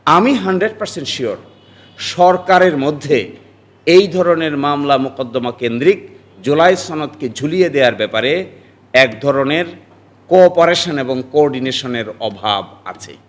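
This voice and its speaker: A man in his forties, a lawyer from Bangladesh, giving emphatic political commentary that rises into forceful outbursts. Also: on the high side, lively intonation, normal speed.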